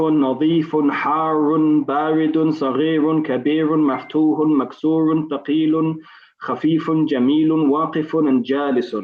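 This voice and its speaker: Man, Arabic teacher, online class, patient, encouraging, step-by-step explanations, fairly high voice, echoey room. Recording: echoey room, slightly dull sound.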